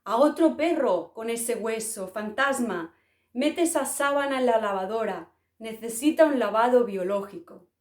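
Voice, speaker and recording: A small, cheeky alien child mocks a ghost in a teasing storybook voice, as a woman reads it aloud. The delivery is slow and playful. The room sounds echoey. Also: fairly high pitch, lively intonation. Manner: teasing, mocking. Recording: roomy echo.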